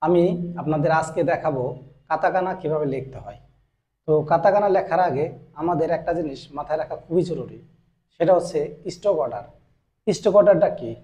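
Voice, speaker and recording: A man with a Bangladeshi Bengali accent teaching a Japanese writing lesson, slowly repeating each syllable twice as he explains. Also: on the high side, expressive, a little mellow, muffled recording. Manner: slow and repetitive, drilling each syllable twice. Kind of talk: step-by-step classroom explanation.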